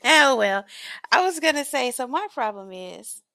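Woman, about 30, podcast guest: bright, high-ish, giggly and self-deprecating, dry close mic. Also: sing-song, a little slow, no room sound. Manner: laughs often, chatty and self-mocking. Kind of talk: casual chat.

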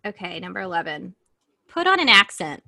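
Woman podcast co-host, bright tone, blunt and profane, casual banter. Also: fairly low pitch, very animated, fairly quick, creaky, no room sound, clean studio sound. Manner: blunt and profane, laughs often. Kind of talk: casual chat, reading out a list.

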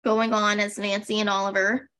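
A woman's voice: medium pitch, little pitch movement, normal speed, a bit bright. A woman co-hosting a podcast, recapping a reality show in snarky, rambling casual chat, full of "like". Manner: snarky, rambling, heavy use of "like". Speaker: podcast co-host.

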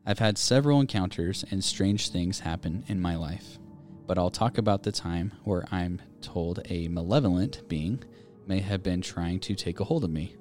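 A man's voice: low-pitched, moderate pace, faint music behind. A man co-hosting a podcast, reading listener ghost stories aloud and chatting casually. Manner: reads aloud in a steady storytelling way. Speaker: podcast co-host.

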